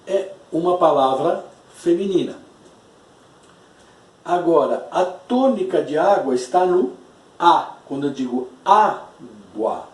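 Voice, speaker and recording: Slow-talking man teaching in an echoey room. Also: a little high, darkish tone. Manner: slow, explanatory, repeats key terms. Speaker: Spanish teacher. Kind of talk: recorded classroom lesson. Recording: echoey room, distant from mic.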